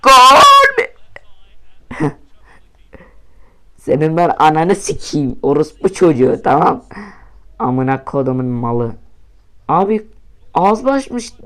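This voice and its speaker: A young man talks over his own football match in a slightly high voice. He swears constantly, yelling at goals and dropping to low mutters in between. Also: unhurried. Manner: swearing, excitable, shouts at goals then mutters. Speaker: gamer commentating his own play. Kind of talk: casual gaming commentary.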